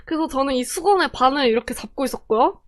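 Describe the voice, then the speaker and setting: A young Korean woman telling a personal story in a casual, animated way, acting out the quoted voices. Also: high-pitched, fast.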